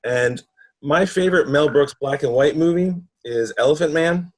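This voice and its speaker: On a podcast, a man with a fairly high-pitched voice chats at a moderate pace in a casual film discussion. Candid and dry, he explains why a classic comedy leaves him cold.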